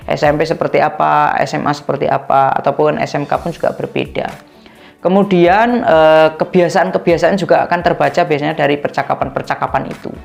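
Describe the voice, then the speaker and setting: A woman giving an instructional talk on youth coaching, acting out sample conversations with a lifted, lively voice. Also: brisk, vocal fry, soft background music. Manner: acts out sample dialogues with rising lively pitch. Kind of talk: instructional talk with role-play examples.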